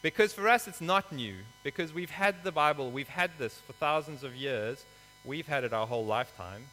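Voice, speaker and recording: A man from South Africa, preaching in a church hall, has a fairly high, pushed and bright voice at normal speed. His sermon mixes scripture reading with earnest explanation and some hesitant fillers, and the recording carries reverb and mains hum.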